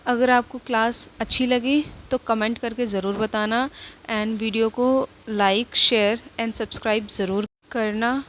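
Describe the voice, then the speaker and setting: A woman's voice: a little high, steady tone, a little slow, a bit bright, slight background noise. A woman teaching a shorthand lesson, talking patiently and repeating each word several times, mixing English words into Hindi.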